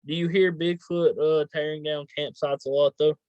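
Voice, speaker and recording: A man's voice: on the high side, little pitch movement, normal speed, darkish tone, clear, resonant tone, no echo. A man hosting a casual interview, reading out items and putting questions to his guest, on a lo-fi recording. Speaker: host, interviewer.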